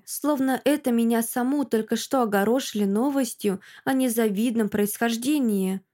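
Lady reading a first person novel, higher voice, lots of feeling. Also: mellow. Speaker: audiobook narrator. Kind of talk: first-person audiobook narration.

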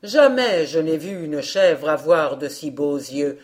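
A woman voicing a grieving father who is a retired sea captain in a fairy tale, speaking with gentle, fond exclamations. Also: deep voice, slow.

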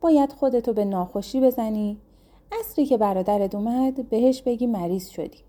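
A woman voicing an ugly yellow male demon in a storybook tale, speaking slowly and threateningly. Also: fairly high pitch, close to an everyday voice. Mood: bossy.

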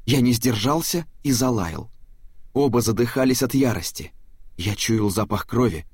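A man reading an audiobook in a steady storytelling manner. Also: medium pitch, normal speed, slightly rough. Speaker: audiobook narrator. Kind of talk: scripted narration.

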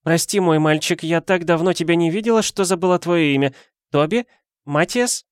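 A man voicing a bossy, loud middle-aged aunt who barks orders in an audiobook. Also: on the low side, moderate pace, clear, resonant tone, dry recording, clean studio sound, voice pushed up, natural voice. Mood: flustered. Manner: barking, commanding. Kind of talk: audiobook character voice.

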